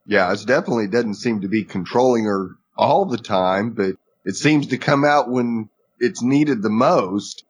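A man's voice: medium pitch, normal speed, few pauses, slight background noise. A man co-hosting a podcast, recapping a TV episode in easygoing casual chat and laughing along often. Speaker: podcast co-host.

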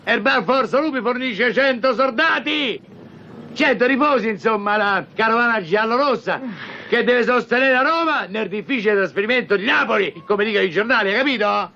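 An actor playing a loud, bossy football-fan father who organizes the bar's supporters, talking with a Roman accent in hectoring rhetorical questions. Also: very high voice, moderate pace, slight background noise, exaggerated voice. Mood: blustering. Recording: dull lo-fi film soundtrack.

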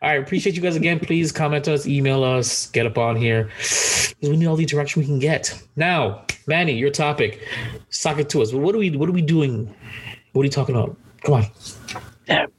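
A man's voice: fairly high pitch, fairly quick, breathy edge. A man co-hosting a podcast, chatting casually in a joking, rambling way with many restarts. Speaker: podcast co-host.

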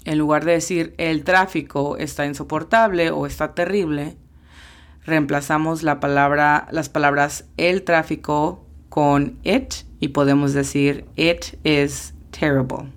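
A woman with a low voice teaches a language lesson. She talks at an unhurried pace and spells each sound out carefully, letter by letter. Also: steady tone. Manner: slow, careful spelling-out of pronunciations. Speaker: English teacher.

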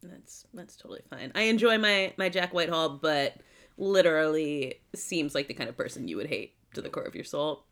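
A woman in casual film chat, expressive and quick to laugh. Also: low voice.

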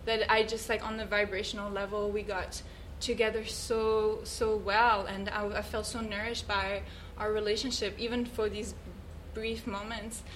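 A woman's voice: medium pitch, little pitch movement, normal speed, hardly any pauses, a bit bright, a little hiss or hum, rough recording. A woman, a guest on an interview show, earnestly reflecting on her life and now and then searching for words. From Switzerland. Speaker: guest, yoga teacher. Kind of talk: reflective personal storytelling.

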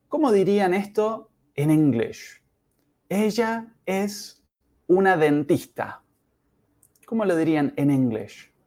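A man's voice: a little high, a little mellow. A man teaching English on a podcast, patiently repeating each word for learners. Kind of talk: podcast language lesson.

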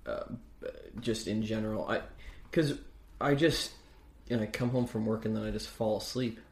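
A man co-hosting a podcast with his brother, teasing and making quick jokes. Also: lowish voice, echoey room. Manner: teasing, wisecracking. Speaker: podcast co-host. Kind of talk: casual chat.

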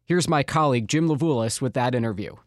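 A man presenting radio news, reading an introduction in a measured, scripted way. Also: medium pitch, no room sound, clean studio sound.

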